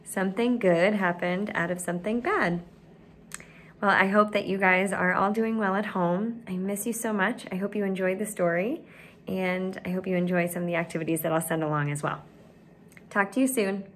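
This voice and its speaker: A thirties-aged woman sits indoors at home reading a kids' picture book to little ones, her delivery plain yet expressive. She speaks at medium pitch and a moderate pace with a steady tone, and a bit of background noise can be heard.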